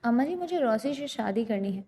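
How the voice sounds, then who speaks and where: Narrator doing a stern young man, quiet authority, warm mellow delivery. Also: on the high side, in a large hall. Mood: firm. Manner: calm but commanding.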